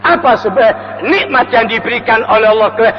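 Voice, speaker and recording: A man's voice: very high-pitched, normal speed. A man preaching a mosque lecture with an East Javanese accent. He recites Arabic verses and then explains them in a homely, joking way. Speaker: Islamic preacher. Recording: reverberant hall, dull sound, faint mains hum.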